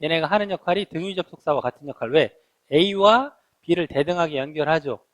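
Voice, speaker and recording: A man's voice: on the high side, lively intonation, fairly quick. A middle-aged man teaching a recorded test-prep English grammar lecture, explaining step by step and often asking the students questions.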